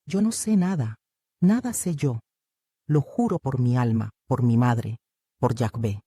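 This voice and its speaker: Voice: medium pitch, measured pace, mellow, husky, no room sound, clean studio sound, pitched below the performer's own voice. Judas Iscariote, read by an audiobook narrator. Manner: bitter, argumentative, protesting. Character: resentful, defensive male disciple. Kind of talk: audiobook reading.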